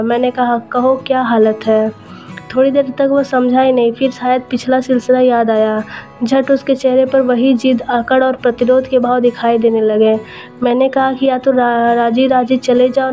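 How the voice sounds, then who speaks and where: A woman narrating a story as a scripted reading, in an even, measured way. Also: high voice.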